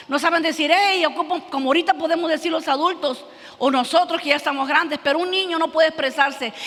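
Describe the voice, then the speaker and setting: A woman giving an earnest testimony in a church, telling her story haltingly with many restarts. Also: high voice, a bit bright. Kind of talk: sermon testimony. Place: church hall. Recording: long hall reverb.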